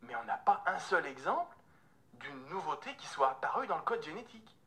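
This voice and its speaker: A woman telling a story as a theatrical monologue, animated and incredulous, with exclamations. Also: deep voice, a little fast, a crowd in the background.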